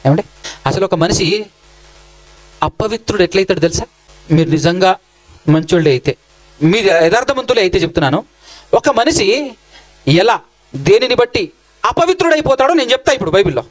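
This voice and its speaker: High-pitched Telangana Telugu preacher, scolding. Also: male voice, expressive, fairly quick, long pauses, faint music behind, low-quality recording. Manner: questions the congregation directly, scolding and teasing. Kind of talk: sermon. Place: church hall.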